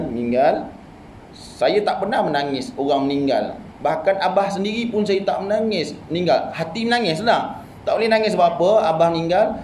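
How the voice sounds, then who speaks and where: Malaysian Malay ustaz in an echoey hall. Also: male voice, fairly high pitch, darkish tone, a little hiss or hum. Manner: conversational teaching with frequent "ha" and "eh" interjections. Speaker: religious teacher. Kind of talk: mosque study-circle lecture. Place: mosque prayer hall.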